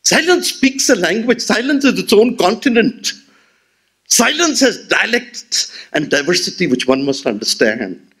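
This memorial lecture comes from a man in his sixties with an Indian English accent, standing at an auditorium podium with a gooseneck mic. He talks in a high, breathy-edged voice at a measured pace, expressive and gesturing rhetorically.

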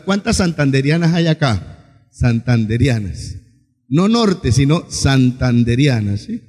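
High-voiced male preacher in a reverberant hall. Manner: animated, preaching with rhetorical questions to the congregation. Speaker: pastor. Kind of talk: sermon. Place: church hall.

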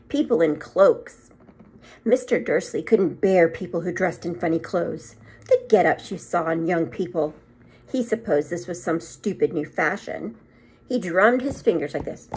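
Her voice is medium-pitched and a bit breathy as this middle-aged woman, a second grade teacher, reads a children's story aloud to her pupils. She acts it out in an animated way and drops in short asides. A phone or tablet at arm's length records her indoors in a small room at home.

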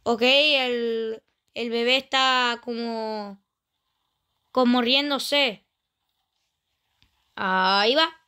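A woman's voice: on the high side, very slow, long pauses, bright, forceful tone, clean tone. A woman with a Rioplatense Spanish accent, chatting casually through a let's play and exclaiming often. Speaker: gaming channel host.

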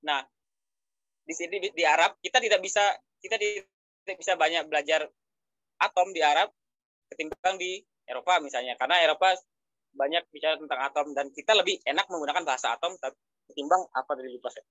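A man's voice: a little high, fairly quick, pauses often, a bit bright, no room sound, dull audio. A man with an Indonesian accent presenting in an online discussion, hesitant, with many fillers and restarts. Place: online video call.

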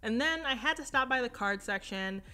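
Bright, chatty young woman vlogger. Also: on the high side, expressive, moderate pace, clean tone. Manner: chatty, upbeat, lots of fillers and asides. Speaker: home decor vlogger. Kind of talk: casual shop-with-me voice-over.

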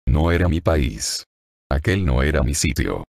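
Male narrator voicing a captive woman spy, tense and defiant, very deep with a dry studio sound. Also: lively intonation, unhurried, creaky, a little mellow, no room sound, full character voice.

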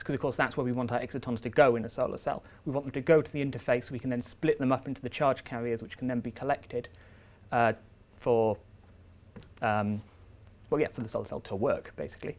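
A man's voice: mid-range voice, steady tone, fairly quick, darkish tone. Young man explaining slides, full of ums. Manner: explanatory, walks through slides with frequent ums and uhs. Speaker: visiting researcher giving a seminar. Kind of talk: academic seminar talk. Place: lecture room, indoors.

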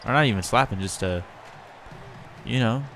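A man hosting a casual gameplay commentary, chatty and talking straight to his in-game players, with bursts of excitement. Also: mid-range voice, moderate pace, a faint crowd. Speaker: gamer and channel host.

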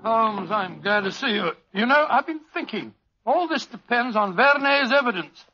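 An actor playing a loyal, blustering English doctor sidekick with a British accent in an old radio drama. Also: male voice, extremely high pitch, lively intonation, moderate pace, faint music behind. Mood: eager. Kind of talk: 1940s radio acting. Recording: muffled old-time radio recording.

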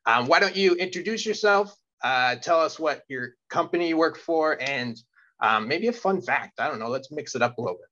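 A man's voice: a little high, lively intonation, moderate pace, sharp tone, lo-fi sound. A man hosting a casual show, upbeat and jokey, with lots of fillers. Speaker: host. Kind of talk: casual video podcast chat.

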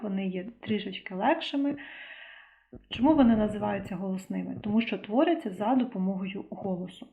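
A young woman teaching a school language lesson for exam preparation. She explains patiently and fills pauses with small hesitations. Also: medium pitch. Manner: patient and explanatory, with frequent fillers. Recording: phone-like narrow sound.

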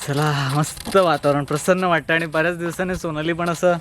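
Konkan man in his thirties, high voice, casual talkative vlogger. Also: a little fast, slight background noise. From Konkan, Maharashtra. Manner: chatty, talks to his small daughter in a lively sing-song. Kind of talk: casual walking vlog.

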